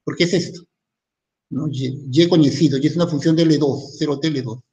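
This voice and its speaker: Lecturing man, high voice, asks "¿no?" a lot. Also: brisk, dark tone, muffled recording. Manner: thinks aloud, stops himself often to ask "¿no?". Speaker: math lecturer. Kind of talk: recorded university math lecture.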